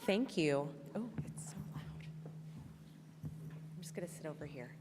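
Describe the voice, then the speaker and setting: A woman's voice: low voice, lively intonation, measured pace. A woman chairing a school board meeting, calling it to order in a friendly, brief way, her voice ringing with heavy hall echo. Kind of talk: opening a public meeting. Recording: echoey reverb from a distant mic, background noise.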